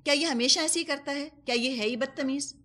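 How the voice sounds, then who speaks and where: Speaking in a high-pitched, bright, and forceful voice, a Quran teacher with a Pakistani Urdu accent gives a commentary lesson. She patiently works through everyday examples and mixes English words into what she says.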